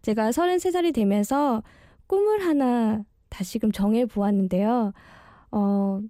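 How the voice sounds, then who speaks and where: A woman's voice: fairly high pitch, unhurried, mellow, no echo, studio quality. A woman in her early thirties hosting late-night radio as an amateur guest DJ, bashful and sincere, with slightly slurred articulation from dental braces. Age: early 30s. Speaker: one-day guest radio DJ. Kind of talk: late-night radio talk, personal monologue.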